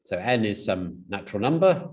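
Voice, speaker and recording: A man's voice: lowish voice, very animated, normal speed. A man giving a university lecture, explaining step by step, with frequent fillers and restarts.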